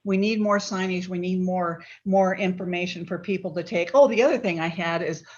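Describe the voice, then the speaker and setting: A woman's voice: fairly low pitch, a little fast, a little mellow. A woman, a local resident, giving a rambling public comment with many ums on a video call. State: talking while eating. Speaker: resident speaking at a town forum. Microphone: home computer mic on a video call. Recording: muffled lo-fi video call audio.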